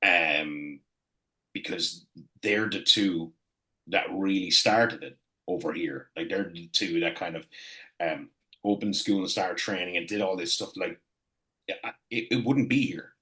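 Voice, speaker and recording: Low-pitched, bright, forceful Irish man. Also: poor audio. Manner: halting, repeats phrases while reminiscing. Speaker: guest, wrestling ring announcer. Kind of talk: casual interview chat.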